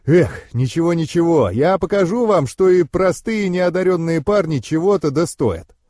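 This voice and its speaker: A man voicing a cheerful, excitable young man in an audiobook, talking eagerly and teasing his friends. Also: a little high, moderate pace, no room sound, clean studio sound, pitched above the performer's own voice, natural voice. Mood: excited.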